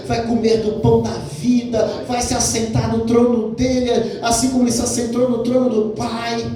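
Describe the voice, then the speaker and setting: High-voiced pastor preaching in an echoey church. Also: male voice, mellow. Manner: preaching with rhetorical questions to the congregation; repeats phrases for emphasis. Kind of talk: sermon. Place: church hall. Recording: very echoey church hall, mic at a distance.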